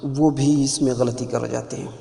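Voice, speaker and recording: A man's voice: medium pitch, steady tone, gravelly, warm tone. Man teaching grammar in an echoey room. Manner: patient, repeats key points for emphasis. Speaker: Arabic teacher. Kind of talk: spoken grammar lesson. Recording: echoey room with long reverb.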